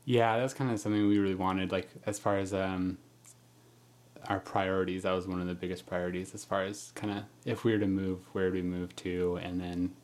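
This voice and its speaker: A man from Colorado talking as a podcast guest in his home studio, relaxed and laid-back, saying like and kinda a lot. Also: sits low, fairly quick. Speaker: podcast guest, music producer. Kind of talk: casual interview chat.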